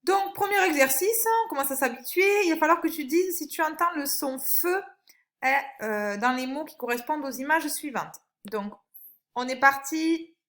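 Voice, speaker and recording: A woman, a primary school teacher, giving a recorded phonics lesson for young children, with slow, clear and encouraging instructions. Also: sits high, expressive, a bit bright. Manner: stretches out single words when reading them aloud.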